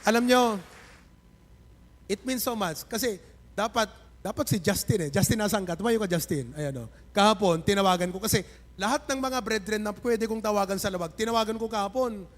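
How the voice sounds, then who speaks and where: A man's voice: high-pitched, brisk. A Filipino man, a pastor preaching a sermon and animatedly calling out members of his congregation. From Philippines. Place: church sanctuary. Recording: long church reverb.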